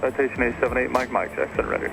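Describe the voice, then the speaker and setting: A man working as an air traffic controller, heard over a radio transmission, giving quick, clipped routine instructions in radio phraseology. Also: mid-range voice, big pitch swings, creaky, over music, low-quality recording. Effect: radio transmission from the control tower.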